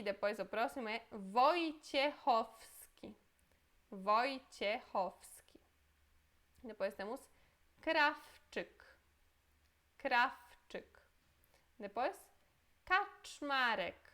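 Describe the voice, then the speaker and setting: A woman gives a language lesson in a fairly high voice. She speaks slowly and deliberately, pronouncing each word carefully twice, then adds quick asides to explain. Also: a bit bright. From Poland. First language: Polish. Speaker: Polish language teacher. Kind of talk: language lesson, reading words aloud and explaining.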